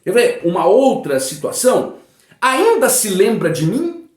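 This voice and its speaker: A man gives an online grammar lesson in a fairly high voice that rises and falls a great deal. He keeps checking whether his listeners follow, and he draws out his example sentences slowly. The sound is roomy and echoey. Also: big pitch swings. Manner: didactic, checks understanding with frequent "né?" and "tá bom?". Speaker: Portuguese grammar teacher.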